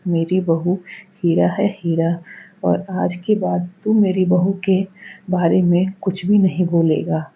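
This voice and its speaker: A woman's voice: on the low side, level tone, slow, gravelly, breathy edge, full character voice. Woman voicing an older cartoon mother-in-law. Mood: remorseful. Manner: commanding, emphatic. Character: older mother-in-law, stern then tender. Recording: dull lo-fi recording.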